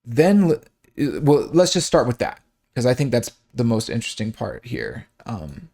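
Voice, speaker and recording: Man, song breakdown host, casual explanation, mid pitch, fillers and restarts, hums sounds. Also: big pitch swings, normal speed, gravelly, warm tone. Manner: thinking aloud with many fillers and restarts.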